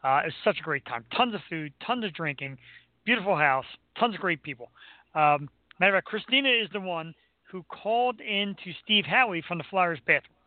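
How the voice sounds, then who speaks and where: A man's voice: high voice, lively intonation, fairly quick, no echo, phone-quality sound. An American man chatting casually as a talk show host, in a rambling, playfully boastful way. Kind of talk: casual chat.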